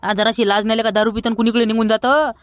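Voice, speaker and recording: A man's voice: sits high, level tone, no room sound, close to an everyday voice. A man with a Vidarbha Marathi accent playing a broke village man who scolds everyone in a rustic comedy sketch. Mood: scolding. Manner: scolding, rapid and loud.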